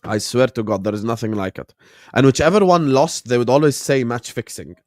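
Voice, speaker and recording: A Gulf man in his late twenties hosts a football watchalong live stream, reacting to the match and reading chat in a slangy, laid-back way, chuckling often and answering viewers directly. His mid-range voice runs a little fast with a darkish tone. The sound is clean studio audio with no room sound.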